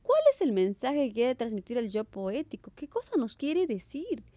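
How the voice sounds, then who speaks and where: Lively, high-voiced woman teacher. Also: normal speed, no room sound. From Peru. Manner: lively questioning, answers her own questions. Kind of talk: virtual class lesson.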